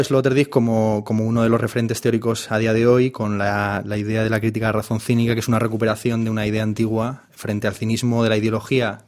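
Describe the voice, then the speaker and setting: A man's voice: lowish voice, a little mellow. A man interviewing guests, thinking aloud in long, hesitant sentences with many restarts. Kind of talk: thoughtful conversational interview.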